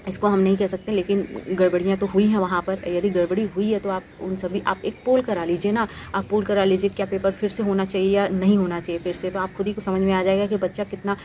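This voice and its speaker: A woman's voice: mid-range voice, little pitch movement, quick pace, few pauses, a little mellow, highs cut off, a little hiss or hum. A woman talking straight to her viewers with earnest, pleading commentary, full of fillers and restarts. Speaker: YouTube commentator on exams. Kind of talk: direct-to-camera commentary.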